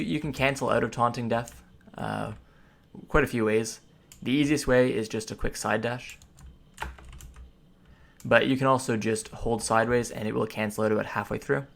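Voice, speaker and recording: A man with a mid-pitched voice and noticeable vocal fry gives a casual gameplay guide. He explains things in a rambling, informal way, often listing off ability names, with some computer keyboard typing around him. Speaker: gamer giving a character class guide. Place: indoors at a computer, voice over gameplay.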